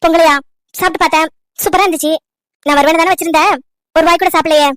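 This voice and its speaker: An eager young village girl, as a woman voices her in a cartoon love story. She chatters and coaxes in a high, bright voice. The sound is dry. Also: fairly even intonation, very fast, no room sound. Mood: chatty. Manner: chatty, coaxing.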